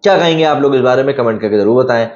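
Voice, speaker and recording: A man's voice: mid-range voice, racing, a little mellow. Chatty male cricket presenter, echoey room. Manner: chatty, addresses viewers as brother. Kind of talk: casual cricket match analysis to camera. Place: studio. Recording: echoey, slightly dull room recording.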